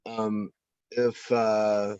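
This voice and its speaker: Male panelist, halting deadpan rambler, mid pitch, dry muffled audio. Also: smooth, dry recording. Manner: halting, full of fillers and restarts. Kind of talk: rambling deadpan comedic banter.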